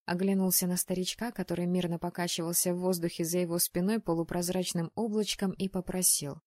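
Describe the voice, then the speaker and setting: A woman reading a first-person audiobook in a lively, expressive way. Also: lowish voice, brisk, no room sound, clean studio sound. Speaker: audiobook narrator.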